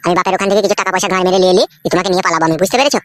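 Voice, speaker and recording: A woman's voice: on the low side, racing, lightly acted. A woman voicing a lazy, cowardly young cartoon son-in-law who talks crudely and sulks. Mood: scheming. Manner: sulky, crude. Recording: clear background noise.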